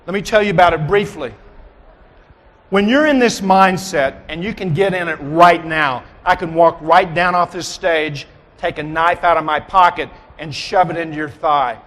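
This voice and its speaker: A man with a high voice delivers a motivational keynote from a convention stage. He is dramatic and keeps firing questions at the crowd. His voice rings with a long hall reverb. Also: normal speed, a bit bright. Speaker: keynote speaker.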